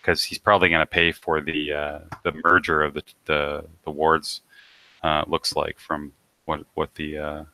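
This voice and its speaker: A man's voice: rumbling low, completely flat delivery, moderate pace, pushed and bright, no echo, low-quality recording. A man co-hosting a casual podcast chat, joking and rambling with hesitant restarts. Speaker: podcast co-host.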